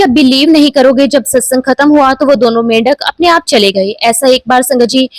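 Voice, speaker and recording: A woman's voice: fairly high pitch, dry recording, poor audio. A woman in her forties sharing a heartfelt devotional testimony, telling her story earnestly to the listeners. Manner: earnest storytelling, often addressing listeners as "sangat ji".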